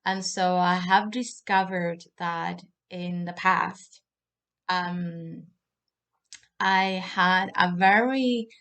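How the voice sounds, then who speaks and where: A woman from Argentina, a love coach, talking in a thoughtful, searching way, with pauses and restarts. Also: on the low side, vocal fry, fairly bright tone. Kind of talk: reflective personal monologue.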